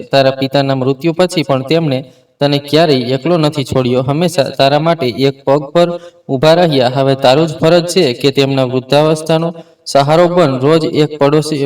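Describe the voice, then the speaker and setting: A man voicing a kind but firm older neighbor woman who gently scolds and advises. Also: mid-range voice, far from the mic, lightly acted, rough recording. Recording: voice set back from the mic.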